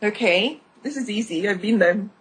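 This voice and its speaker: A woman's voice: mid-range voice, normal speed, slightly rough, poor audio. A woman guest on an informal radio chat, explaining ideas patiently with lots of fillers. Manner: explanatory, laughs easily, many fillers.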